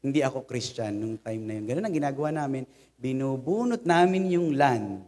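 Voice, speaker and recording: A young Filipino man preaching a sermon in a humorous, conversational way, telling lively personal stories to his congregation. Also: medium pitch, moderate pace. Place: church hall. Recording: long hall reverb.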